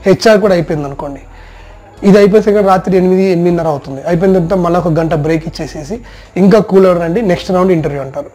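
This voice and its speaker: A man working as a soft skills trainer, giving a direct instructional talk about job placement rounds. He speaks straight to the listener and runs through long lists of points. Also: high-pitched, racing.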